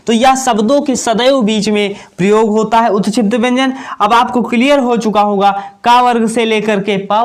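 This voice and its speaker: A man teaching an exam-prep lesson at a whiteboard, asking questions and answering them himself, repeating key points. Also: high-pitched. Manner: repetitive, asks and answers own questions.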